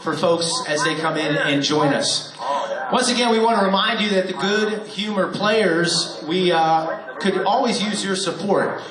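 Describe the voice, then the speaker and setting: Speaking a little slowly in a high voice, the host of a live radio theater show warms up his audience, joking and coaxing them through cue-card practice. The hall echoes with the crowd, and applause and audience noise carry in the background.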